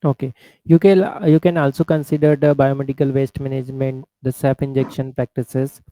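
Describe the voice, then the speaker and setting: A man with an Indian accent, an interviewer coaching a candidate with halting, instructive feedback. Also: mid-range voice, little pitch movement, mellow, dry recording, rough recording.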